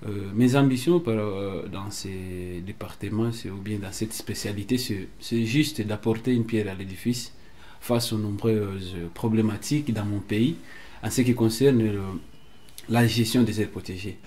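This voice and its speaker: A man's voice: lowish voice, unhurried, dark tone, slight background noise. A man in his twenties from Congo, a student, introducing himself hesitantly with many fillers. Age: 20s. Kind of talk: interview self-introduction.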